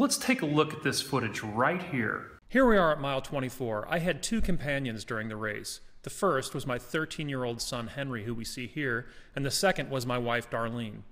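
A man's voice: mid-range voice, a bit bright, big-room sound. A man hosting and narrating a studio practice show, delivering scripted lines with dry irony and a lecturing tone. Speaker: host.

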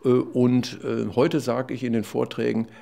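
An older man, a psychology professor, explaining at length in an interview, with many fillers and restarts and a louder voice when he quotes others. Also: mid-range voice, measured pace, creaky. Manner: animated, loud when quoting others. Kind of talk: conversational explanation.

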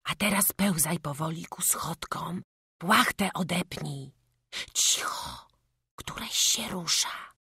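A woman voicing a kind peasant mother who speaks in a hushed, gentle whisper. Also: lowish voice, slow pace, slightly rough, dry recording, clean studio sound, voice pushed up, heavily acted.

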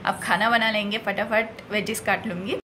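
A woman's voice: medium pitch, fairly even intonation, normal speed, bright, forceful tone, poor audio. A young woman talking to her toddler and her viewers at home in a casual vlog, coaxing and playful, mixing Hindi and English. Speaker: vlogger and mother. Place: home kitchen. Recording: home video with clear background noise.

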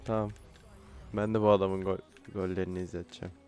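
Over soft background music, a young gaming YouTuber speaks quickly in a low, darkish, clear, and resonant voice that barely changes pitch. His casual football-game commentary is punctuated by frustrated outbursts and curses at his players.

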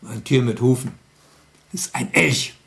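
A man's voice: medium pitch, normal speed, gravelly, a bit bright. A man telling a story to children in a playful, chatty way, asking the kids questions.

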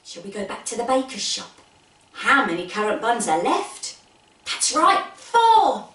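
A woman's voice: on the high side, very animated, a little slow, a bit bright. A woman, middle-aged, hosting a kids show in an exaggerated, playful manner, telling stories and singing along while speaking straight to young children. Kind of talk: kids show host storytelling and sing-along. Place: living room with wooden floor. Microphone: camera a few metres away. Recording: roomy, distant mic, music behind.

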